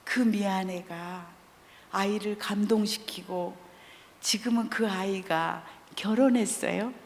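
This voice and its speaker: A middle-aged woman, a counseling professor, giving a guest sermon in a church, blunt and lively, acting out the voices in her stories with comic timing. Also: mid-range voice, slow pace, gravelly, slight background noise. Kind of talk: sermon with anecdotes. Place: church sanctuary. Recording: echoey church hall.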